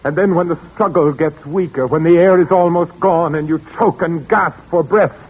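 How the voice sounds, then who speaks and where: An actor playing a murderous male organist in an old radio drama, speaking in a soft, coldly courteous way. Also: fairly high pitch, normal speed, slightly rough. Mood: sinister, silky. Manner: soft, silky and sinister, then panicked pleading. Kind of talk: 1940s radio acting. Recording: dull old radio recording with faint hiss.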